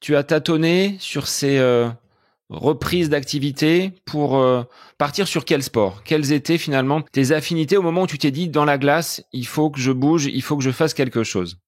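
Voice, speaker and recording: A man's voice: a little high, normal speed, no echo, clean studio sound. A man hosting a running podcast, asking formal, structured questions. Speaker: podcast host. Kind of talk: podcast interview.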